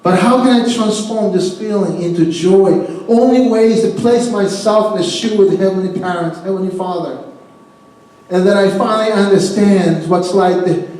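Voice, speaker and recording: A middle-aged man delivers a sermon with a fairly high voice, telling stories with animation and laughing often. He restarts and repeats his words as he goes. The recording is echoey, like a large hall picked up from a distant mic. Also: normal speed, a little mellow. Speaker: pastor.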